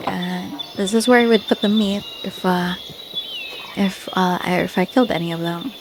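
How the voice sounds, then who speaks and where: A woman with a mid-range voice gives an unscripted, casual tour of the Minecraft village she built. She sounds hesitant and often searches for words. There is noticeable noise in the background.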